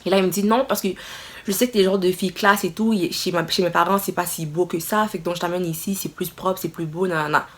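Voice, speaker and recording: A young woman telling a casual storytime to her viewers, expressive and exclaiming as she retells the scene. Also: lowish voice, quick pace. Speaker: vlogger.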